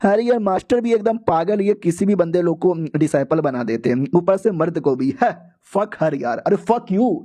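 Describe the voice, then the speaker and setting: A man's voice: high voice, lively intonation, normal speed, warm tone. A young man casually recapping a comic story in a slangy, joking, profane way.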